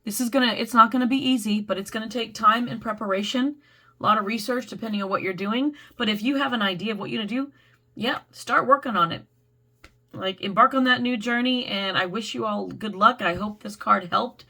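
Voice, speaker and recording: A woman's voice: a little high, a little fast, pushed and bright. A woman reader giving a casual spoken tarot reading, chatty and encouraging with a rambling flow. She is losing her voice.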